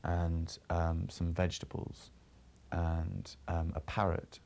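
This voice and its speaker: A man's voice: low-pitched, completely flat delivery, takes it slowly, vocal fry, a little mellow. A man musing unhurriedly about a childhood idea in an interview.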